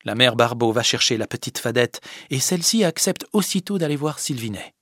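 A man narrating a story in a clear, measured way. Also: medium pitch, animated, a bit bright, dry recording, studio quality. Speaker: audiobook narrator. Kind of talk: scripted narration.

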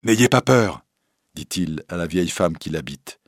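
A man's voice: low voice, expressive, a little slow, dry recording, clean studio sound, full character voice. A man voicing a bold, generous outlaw who speaks with confident, mocking politeness. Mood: assured, mocking. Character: bold, generous male outlaw, young adult.

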